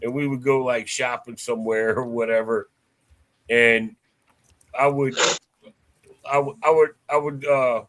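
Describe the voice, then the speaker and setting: A man's voice: mid-range voice, fairly even intonation, unhurried, long pauses, a bit bright, a little hiss or hum. A man chatting on a live show who stammers and repeats words as he tells a story. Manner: stammering, repeats words before getting going. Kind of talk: casual chat on a live show.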